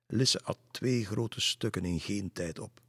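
With a very low, lightly husky voice, a man takes his time reading a children's story in a relaxed manner. The close-miked audio carries no room sound at all.

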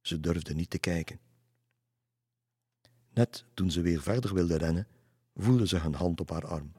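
A man with a very low, husky voice reads a children's fairy tale aloud. He builds suspense in his delivery, sometimes dropping almost to a whisper. The recording is close and dry. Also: measured pace, dry recording. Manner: expressive, suspenseful reading. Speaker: narrator. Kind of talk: storybook narration.

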